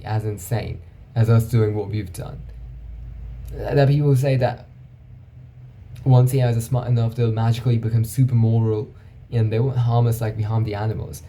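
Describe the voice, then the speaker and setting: Dark, gravelly-voiced man musing aloud. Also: medium pitch, a little hiss or hum. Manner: musing, thinking aloud, often asks "right?". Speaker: vlogger. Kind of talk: casual reflective monologue.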